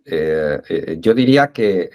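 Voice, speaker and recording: A man's voice: low-pitched, lively intonation, slow, darkish tone. A man with a Spain Spanish accent, interviewed as an expert guest, who speaks hesitantly with many fillers. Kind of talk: interview conversation.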